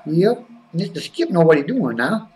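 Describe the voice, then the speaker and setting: A man's voice: fairly high pitch, big pitch swings, moderate pace, a little mellow, distant mic, faint music behind, pitched below the performer's own voice. A man voicing a zany, boastful male wrestling-fan character who drawls and talks about himself in the third person.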